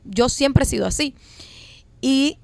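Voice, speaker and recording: Mujer de voz aguda contando una anécdota. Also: female voice, high voice, takes it slowly, vocal fry, a little mellow, no echo. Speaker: guest telling a story. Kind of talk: casual storytelling chat.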